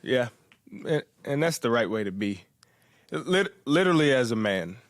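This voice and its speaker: A man's voice: mid-range voice, sing-song, normal speed, no room sound, clean studio sound. A man interviewing in a casual, agreeable way, affirming what his guest says.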